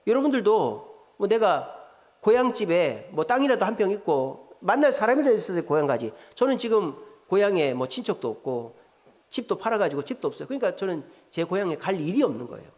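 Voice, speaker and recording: High, sing-song and a touch quick, with a bit of mellowness, this is a middle-aged pastor from Gyeongsang, South Korea, speaking with that regional accent. He preaches casually, questioning his listeners and joking along the way, and the church sanctuary lends the recording a long, echoing reverb.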